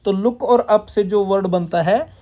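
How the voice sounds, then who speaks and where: A man's voice: high voice, measured pace, warm tone. A man teaching a lesson, asking and answering his own questions and mixing English terms into his Hindi. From Punjab, India. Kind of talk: classroom-style lesson explanation.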